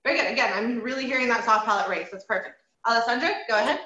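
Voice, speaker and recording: A woman's voice: fairly high pitch, rapid-fire, sharp tone. A woman voice teacher giving a group singing lesson, encouraging and patient, with frequent ums and sung demonstrations. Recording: roomy, slightly dull audio.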